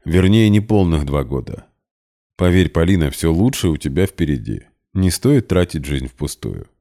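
Audiobook figure: wealthy man, cold and measured, deep and dark in tone, done by the male reader. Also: big pitch swings. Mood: curt. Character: cold, weary wealthy man, dry and curt.

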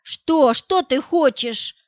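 Woman reader doing a tearful young girl yelling back, higher voice, dull dry audiobook sound. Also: measured pace, dry recording. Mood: tearful, angry. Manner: sobbing, shouting in bursts.

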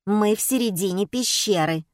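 A woman's voice: medium pitch, normal speed, no echo, clean studio sound, close to an everyday voice. A woman reading an audiobook and voicing a curt, commanding female tour guide.

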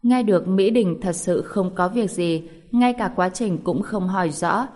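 A woman narrating a novel as an audiobook, reading in an even, steady way. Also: lowish voice, unhurried.

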